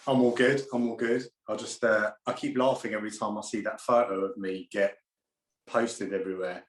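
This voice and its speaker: Male guest, low voice, lively storyteller who laughs easily; echoey room. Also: normal speed. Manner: laughing storyteller, animated anecdotes. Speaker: interview guest. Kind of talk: casual interview chat. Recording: roomy echo.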